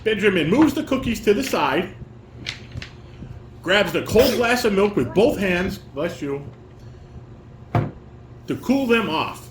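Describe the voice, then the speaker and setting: A high-pitched, expressive man speaks slowly with long pauses while directing a family table read, reading out stage directions and offering casual corrections. The room is echoey, and background noise is clearly audible.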